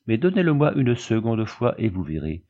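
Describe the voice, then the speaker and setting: A man's voice: on the low side, big pitch swings, moderate pace, muffled recording. A man reading the part of a grieving old peasant widow who pleads in fervent prayer. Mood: pleading.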